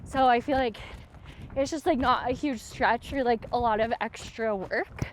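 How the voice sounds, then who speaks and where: A woman's voice: a little high, moderate pace, a little hiss or hum. A woman talking casually while running outdoors, in an informal, hesitant way full of fillers. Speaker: athlete and vlog host. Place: outdoors, on a run.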